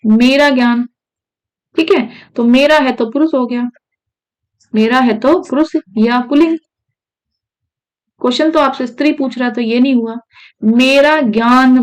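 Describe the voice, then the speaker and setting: Talkative Hindi grammar teacher woman, slightly high. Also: rough recording. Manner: repeats "ठीक है" often, asks students questions. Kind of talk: exam-prep lesson.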